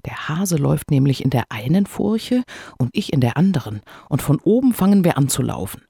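A man's voice: fairly high pitch, sing-song, creaky, mellow, breathy edge, no echo, studio quality, full character voice. A man voicing a stubborn, cunning male hedgehog who talks in a pushy, emphatic way. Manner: pushy, emphatic, sometimes hurried.

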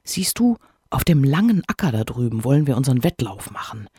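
A man's voice: mid-range voice, very animated, warm tone, husky, dry recording, clean studio sound. A man voicing a stubborn, cunning male hedgehog who talks in a pushy, emphatic way. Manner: pushy, emphatic, sometimes hurried.

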